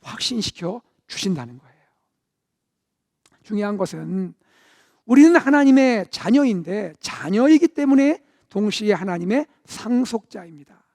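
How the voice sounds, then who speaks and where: A middle-aged pastor preaching in a high, bright voice. He talks to the congregation in a chatty way, rising to loud emphasis and sinking to soft, breathy asides. The sound is close and dry. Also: lively intonation, moderate pace, dry recording. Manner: warm conversational preaching, swells to loud emphasis then drops to near-whispers. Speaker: senior pastor. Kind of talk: sermon.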